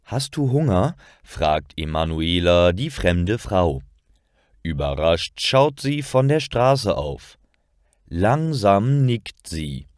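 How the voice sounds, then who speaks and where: A man narrates short stories for language learners with slow, carefully paced sentences. His low voice rises and falls with plenty of expression. The recording is dry and close, with no room sound. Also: dry recording. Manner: slow, clear, expressive reading.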